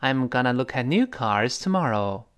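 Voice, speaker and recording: A man at a middle pitch leads a casual spoken-English lesson. He talks in a lively, chatty way. He stretches out example phrases slowly so listeners can copy them. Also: smooth. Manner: chatty and animated, breaks into laughs, models English phrases slowly. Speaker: English teacher.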